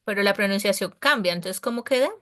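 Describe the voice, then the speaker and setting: A woman's voice: mid-range voice, fast, fairly bright tone. A Spanish-speaking woman teaching an English class over a video call, patient and encouraging, explaining pronunciation step by step.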